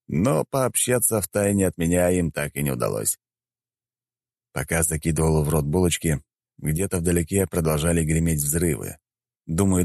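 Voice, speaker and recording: Low voiced guy reading a fantasy story out loud, calm and wry, lots of lilt, dry close sound. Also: creaky, dry recording. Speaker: audiobook narrator. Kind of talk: first-person fantasy audiobook narration.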